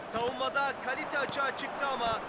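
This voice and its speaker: A man giving excited play-by-play football commentary in for a video game, raising his voice as he calls players and goals. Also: very high voice, a little fast. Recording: loud noise behind the voice.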